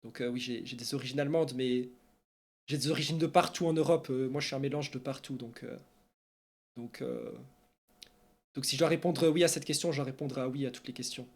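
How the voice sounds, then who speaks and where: Here a Belgian man delivers esports news on stream and responds to viewers, using a medium-pitched voice at a fairly quick clip. He wanders from point to point with plenty of fillers, sounding animated and talkative.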